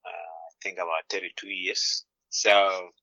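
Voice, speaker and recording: Man from Ghana, middle-aged, very deep voice, bright tone, muffled lo-fi audio, measured. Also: level tone, no echo. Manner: measured, repeats words while searching. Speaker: interview guest. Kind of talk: conversational interview answers.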